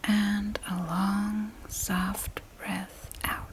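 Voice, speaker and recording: Whispering breathily in ASMR style, a woman guides listeners toward sleep, gentle and calming, with long gaps between brief phrases. Her pitch is medium and her delivery flat, against a noisy background.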